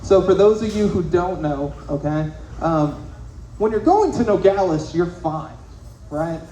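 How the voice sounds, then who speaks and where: A man's voice: sits high, animated, a little slow, dark tone, a little hiss or hum. A young man doing a loose, profane stand-up comedy set on a club stage. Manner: loose, profane, conversational storytelling. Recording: echoey club room, faint ambience.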